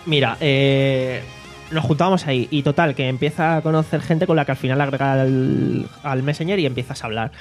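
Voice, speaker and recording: Chatty man with a higher voice. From Alicante, Spain. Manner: chatty, rambling anecdotes. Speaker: podcast co-host. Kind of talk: casual storytelling chat. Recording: faint guitar music behind.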